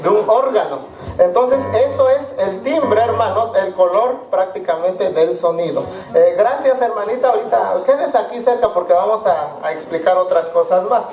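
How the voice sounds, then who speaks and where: A man teaching music to a church congregation, halting and filler-heavy, calling his listeners brothers and sisters. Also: sits high, a little mellow. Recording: roomy sound from a distance, with music.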